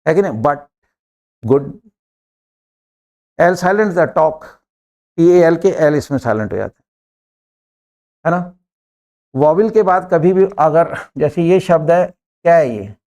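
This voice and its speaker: Lively Indian man teaching English. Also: fairly high pitch. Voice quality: lively, mixing Hindi and English, slows down for English phrases. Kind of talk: classroom lecture. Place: classroom.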